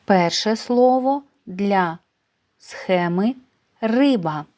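A woman teaches first graders in a slow, deliberate way, spacing out each word. Her voice sits a little low, and her manner is patient and kindly, the way one talks to small children. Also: expressive, a little mellow. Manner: patient, careful, uses diminutives for children. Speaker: primary school teacher. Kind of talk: slow, clear dictation lesson for first graders.

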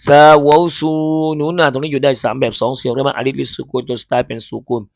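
Male recitation teacher with a Thai accent, chanting letters slowly, dry close lo-fi recording. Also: medium pitch, steady tone, vocal fry, dry recording. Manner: slow melodic spelling chant, then brisk explanation. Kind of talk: chanting Arabic letters then explaining in a lesson. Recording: dull lo-fi sound.

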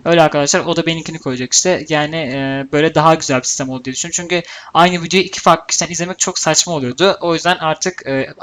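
A man hosts a game video with a relaxed, chatty delivery. He talks quickly in a fairly high voice and fills gaps with small hesitation sounds. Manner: chatty, talks fast, frequent filler "e". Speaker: gaming channel host. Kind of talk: casual let's-play chat.

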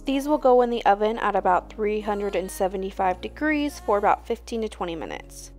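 A young woman talks a home cook through each dinner step in an easygoing, matter-of-fact voice-over, with soft music running underneath. Her voice sits at an ordinary middle pitch and stays unhurried and practical as she explains. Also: lively intonation. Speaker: cooking channel host. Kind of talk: casual cooking voice-over.

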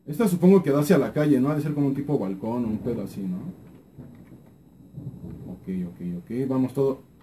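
A young Mexican man with a Mexican accent, commenting on his own gameplay, excitable, swearing freely and muttering repeated words under his breath. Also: mid-range voice, a little fast, pauses often, noisy background. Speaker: gaming YouTuber.

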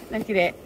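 Very high-voiced, a young woman vlogs casually from a lakeside mountainside where she's wild camping, laughing often. She films selfie-style on a handheld camera, and slight background noise can be heard.

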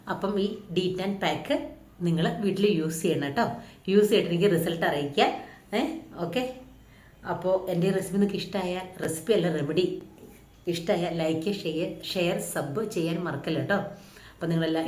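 Speaking in a lowish, slightly mellow voice, the Kerala beauty vlogger keeps her home vlog casual and chatty, her Malayali accent clear as she regularly closes lines by asking her viewers something. The recording has an echoey room sound.

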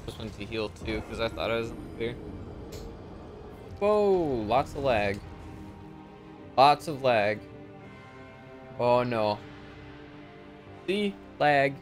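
A man's voice: mid-range voice, animated, slow, pauses often. A man giving casual gameplay commentary as a streamer, often frustrated, swearing and poking fun at himself. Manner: frustrated, swearing, self-mocking. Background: game music.

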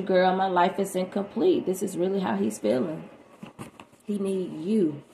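A woman giving a chatty, animated tarot reading to her viewers. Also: medium pitch. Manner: animated, chatty, sings snatches of songs. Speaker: tarot reader. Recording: echoey room, faint background noise.

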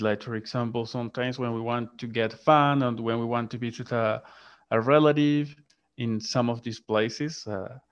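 A man teaching an online English class in Spanish and English, patiently repeating vocabulary and calling on students. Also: medium pitch. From Latin America. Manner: patient, repeats and drills words aloud. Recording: muffled online class audio.

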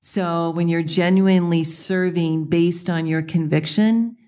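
A woman's voice: fairly low pitch, fairly even intonation, unhurried, a little mellow. A woman co-hosting a podcast, earnest and encouraging in a reflective chat. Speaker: podcast co-host.

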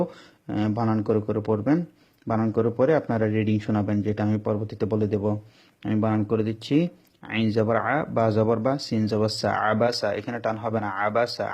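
A man's voice: fairly low pitch, a little mellow. A man teaching Quran reading in an online lesson, patiently spelling out Arabic letters and repeating each syllable for learners. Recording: dull lo-fi recording.

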